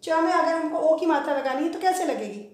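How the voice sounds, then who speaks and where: A woman's voice: sits high, expressive, brisk, a little mellow. A woman teaching young children a lesson in a classroom, patiently asking questions and then answering them herself. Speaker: primary school teacher. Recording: very echoey room, voice from a distance.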